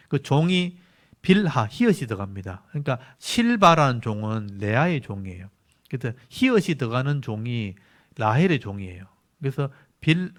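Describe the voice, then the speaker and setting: Korean pastor with a Gyeongsang accent. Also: male voice, medium pitch. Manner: explains patiently, repeats key words for emphasis. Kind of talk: Bible lecture sermon.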